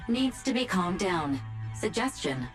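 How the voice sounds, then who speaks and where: A woman voicing a calm, gentle female rescue AI assistant in a video game, politely announcing readouts in an even manner. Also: medium pitch, unhurried. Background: game music.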